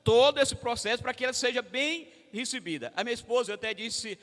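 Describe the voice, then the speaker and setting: A man's voice: extremely high pitch, animated, fast, fairly bright tone. A man with a Brazilian Portuguese accent, preaching to a family service and talking straight to the congregation. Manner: conversational, addresses the congregation directly. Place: large church hall. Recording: echoey church hall.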